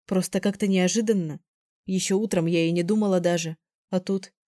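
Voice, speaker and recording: A woman reading the part of a gentle, teasing young woman, with a soft, coaxing delivery. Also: on the low side, fairly even intonation, a little fast, dry recording, studio quality, lightly acted.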